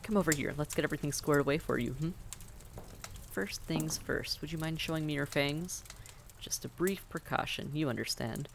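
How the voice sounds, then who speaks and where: Speaking courteously and conversationally to the listener, a man plays a friendly, reassuring vampire innkeeper in a fantasy audio roleplay. His voice sits on the high side with vocal fry, moves at normal speed, and sounds welcoming against a noisy background.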